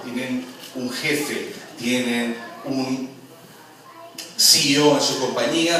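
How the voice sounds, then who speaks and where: A man preaching a sermon in a church hall, lively and joking as he quizzes the congregation. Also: medium pitch. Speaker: pastor. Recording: very echoey hall, from far off.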